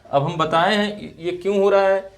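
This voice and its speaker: A man's voice: high-pitched, steady tone, moderate pace. A man teaching Hindi grammar in class, asking questions and checking understanding with short "right?" prompts after each point. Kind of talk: classroom lesson with call-and-response.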